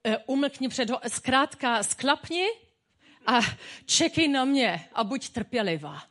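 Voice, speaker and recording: A woman's voice: high voice, expressive, a bit bright. A woman pastor giving a sermon in a personal, humorous, conversational way.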